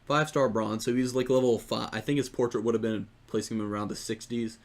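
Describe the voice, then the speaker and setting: A man's voice: mid-range voice, fairly even intonation, quick pace. Young man, gaming rant, casual, rambling, exasperated, swears, mid-range voice. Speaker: gaming YouTuber.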